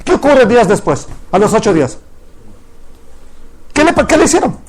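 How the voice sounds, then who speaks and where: A man with a strikingly high voice preaches a sermon to his congregation. He keeps asking questions and answering them himself, and he slows right down to draw out Hebrew words for emphasis. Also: sing-song. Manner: draws out Hebrew phrases slowly for emphasis.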